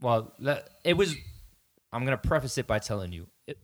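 A man hosting a casual podcast, phrasing his thoughts in a measured, deliberate way. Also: mid-range voice, very animated. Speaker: podcast host.

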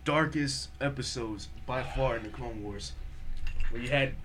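A man's voice: medium pitch, measured pace, fairly bright tone, a little hiss or hum. A man chatting casually with friends in a slangy, profane frat-bro way. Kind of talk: casual group chat with friends about a TV series.

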